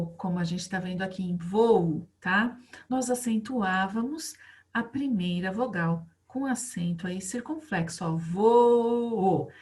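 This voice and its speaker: Brazilian lady teacher, online class for kids, sweet and lively, keeps asking "right?". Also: medium pitch. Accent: Brazilian Portuguese. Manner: affectionate, lively, asks rhetorical questions. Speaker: school teacher. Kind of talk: recorded online class for children.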